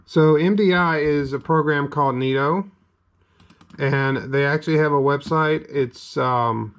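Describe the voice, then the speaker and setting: A man's voice: a little high, a little slow. Southern man rambling through a tech tutorial. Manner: rambling, filler-heavy, step-by-step narration. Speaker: game hardware reviewer. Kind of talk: casual screen-recorded tutorial.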